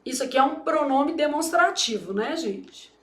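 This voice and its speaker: A Brazilian woman teaching a grammar lesson in a high voice. She talks emphatically and with theatrical flair, often checking in with the class. The sound rings in a roomy echo. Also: animated, normal speed. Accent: Brazilian Portuguese. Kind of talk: exam-prep grammar lesson.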